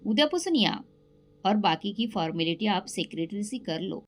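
Woman doing a calm old dance guru guy, firm but gentle, storybook reading. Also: medium pitch, normal speed, natural voice. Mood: insistent. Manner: calm, coaxing then insistent.

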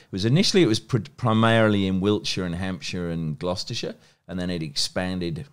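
This guest, a sports journalist and broadcaster in his fifties from England's West Country, spins conversational stories in an educated English accent. His voice is deep and smooth. A close microphone on a stand captures him in a small, plain room indoors.

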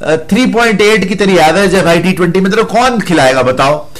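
A man's voice: high-pitched, lively intonation, fairly quick. A man hosting a casual cricket discussion, blunt and mocking in his banter. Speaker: cricket show host.

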